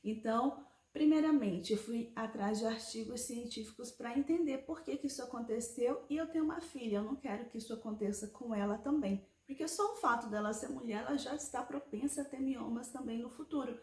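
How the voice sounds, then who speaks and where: A vlogger in her forties explains a health topic in a conversational personal vlog, recorded in an echoey room. Her voice is a little high and darkish, her pace brisk, and she keeps checking in with the viewer through frequent tag questions.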